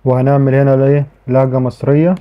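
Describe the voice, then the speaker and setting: This Egyptian-accented man talks fast in a flat, mid-range voice while chatting through a casual tech tutorial recorded from his screen. "Okay" recurs constantly, and his sentences often get restarted. The audio is thin and phone-like.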